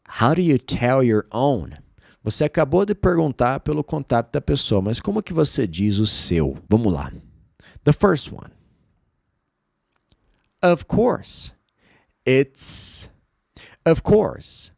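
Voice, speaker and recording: A man whose first language is Portuguese, teaching English in an online lesson and drawing out model words slowly so that learners can repeat them. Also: medium pitch, very animated, creaky, darkish tone, dry recording, clean studio sound.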